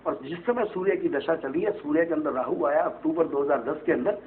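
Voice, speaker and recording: Faint hiss and a tinny, phone-like band color this TV studio recording of a man answering interview questions as an astrologer guest. Slightly high and fairly quick, he explains at length in a preachy tone, frequently seeking agreement with "right?"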